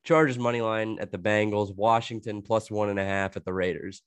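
A young man with a head cold, talking loosely and laughing his way through a podcast chat. His voice sits on the low side, and the sound is dry and close with almost no room around it. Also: a little fast, smooth, no room sound. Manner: rambling, heavy filler "like", laughs a lot. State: sick with a cold, coughing. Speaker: podcast co-host. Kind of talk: casual chat.

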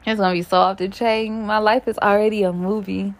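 A woman's voice: mid-range voice, flat delivery, brisk. A woman vlogger rambling casually to her viewers, musing aloud and correcting herself as she goes. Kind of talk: casual rambling chat to camera.

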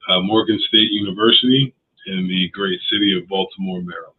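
A man from Delaware co-hosting a podcast, chatting casually in a laid-back, unhurried way. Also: low voice, steady tone, slight background noise. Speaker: podcast co-host. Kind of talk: casual chat. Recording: tinny phone-like line.

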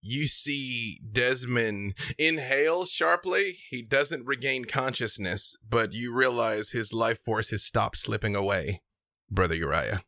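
A man's voice: medium pitch, expressive, measured pace, pushed and bright, no room sound, clean studio sound. A man narrating a tabletop game as the game master, moving between story description and rules.

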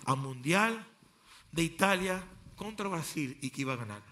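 A male pastor preaching an impassioned sermon, swinging between quiet passages and loud outbursts. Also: a little high, lively intonation, moderate pace.

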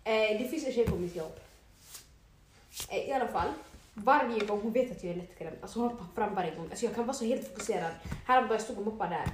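A young woman co-hosting a casual chat, telling stories in an animated, slangy way and swearing often. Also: mid-range voice. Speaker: podcast co-host. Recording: echoey room with faint noise.

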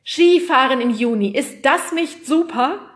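A woman's voice: medium pitch, normal speed, natural voice. A woman voicing a zany male TV weatherman who announces everything theatrically. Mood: showy.

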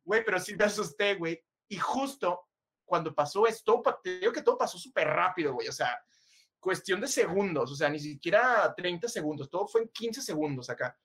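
A man with a Mexican accent, a podcast co-host telling a personal story in a casual, animated, slangy way, laughing often. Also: high-pitched, fairly quick, slightly rough.

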